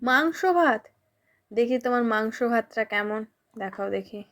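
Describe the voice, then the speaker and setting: A mother speaks to her toddler in a fairly high, light voice. She coaxes and teases him with quick playful questions, in an easy, casual home-vlog way. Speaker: mother and vlogger.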